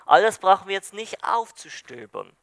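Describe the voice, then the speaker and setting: A man reading the lines of a kindly man from heaven who answers calmly and gently reproves. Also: sits high, normal speed, vocal fry, no echo, studio quality, full character voice. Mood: gentle.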